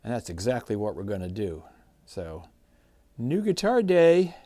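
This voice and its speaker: A man hosting a guitar channel, chatting in a relaxed, folksy way while unboxing a new guitar. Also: lowish voice, a little slow, no room sound. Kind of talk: casual unboxing vlog.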